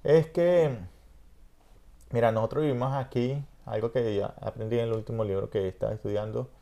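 A man's voice: medium pitch, steady tone, moderate pace, creaky, warm tone, lo-fi sound. A middle-aged man with a Venezuelan accent, hosting a podcast in a reflective, rambling conversational way. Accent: Venezuelan Spanish. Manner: reflective, rambling, frequent "¿entiendes?". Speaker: podcast host. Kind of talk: casual conversation.

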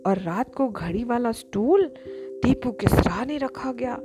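A woman narrating a children's story in a lively, expressive way with chatty asides to the listener. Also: on the high side, a little slow. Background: background music.

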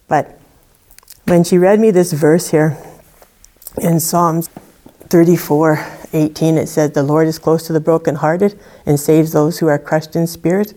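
A woman's voice: deep voice, dark tone. A woman from Saskatchewan, telling her personal testimony in a loose, conversational way full of "you know" and "like". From Saskatchewan, Canada. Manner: conversational storytelling with many "you know" and "like" fillers. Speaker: guest sharing a testimony.

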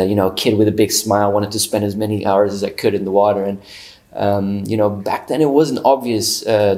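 A man's voice: fairly low pitch, a little mellow. A man, a guest chatting casually in an interview, easygoing and full of fillers. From Portugal. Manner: easygoing, many fillers and restarts.

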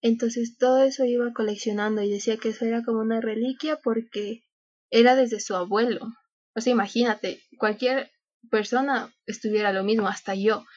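A woman's voice: a little high, fairly even intonation, moderate pace, darkish tone. A young woman, a scout leader and podcast guest, telling a story in a chatty way and acting out the dialogue. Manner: chatty, acts out quoted dialogue, frequent laughs. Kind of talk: casual interview storytelling. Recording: dull, lo-fi sound.

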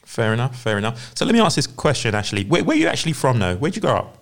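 A male podcast host reads a scripted introduction and then moves on to casual questions, often repeating words and saying "fair enough." His mid-range voice is fast, with big swings in pitch.

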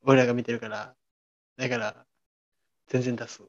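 A man's voice: medium pitch, normal speed. A man with a Kansai accent chats casually on a comedy podcast. He answers his partner with short, dry retorts and steers the talk. The recording sounds muffled and lo-fi. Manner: deadpan retorts, wraps up the show. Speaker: podcast co-host.

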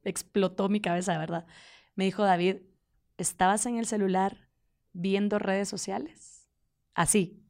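A woman's voice: mid-range voice, unhurried, pauses often. A woman co-hosting a casual conversation with her partner, telling personal stories and acting out what people said. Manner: animated storyteller, acts out quotes. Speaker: podcast co-host.

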